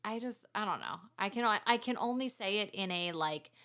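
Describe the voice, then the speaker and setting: A woman's voice: medium pitch, expressive, moderate pace, bright, forceful tone, clear, resonant tone. A woman in her forties hosting a podcast in casual, self-mocking chat, laughing often. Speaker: podcast host.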